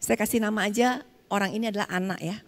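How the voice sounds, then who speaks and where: A woman's voice: mid-range voice, quick pace. A woman preacher giving a sermon, telling stories and acting out the dialogue while she calls her listeners "saudara". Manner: storytelling, acts out quoted dialogue, addresses congregation as "saudara". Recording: long hall reverb.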